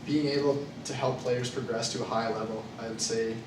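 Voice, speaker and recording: Recorded far from the mic in an echoey, noisy classroom, a young Canadian student role-plays a nervous job candidate. He speaks in a monotone, mid-range voice, hesitating often with uh and um.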